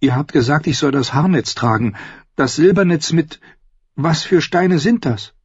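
A man voicing a frightened, anxious young noble girl who speaks quickly and pleadingly. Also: a little high, expressive, breathy edge, no echo, highs cut off, voice pushed up. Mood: frightened accusing.

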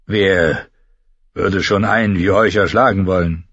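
Man as cocky sellsword, low husky voice, blunt, dull lo-fi audiobook. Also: steady tone, a little slow, fairly bright tone, no echo, heavily acted. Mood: mocking. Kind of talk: audiobook character voice. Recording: dull lo-fi recording.

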